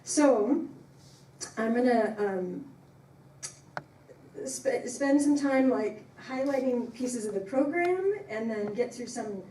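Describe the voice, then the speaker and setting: A woman's voice: fairly high pitch, lively intonation, slow, pauses often, mellow. A woman giving an informal talk to a congregation as a professor, speaking in an emphatic, appreciative way. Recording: echoey room, distant, faint noise.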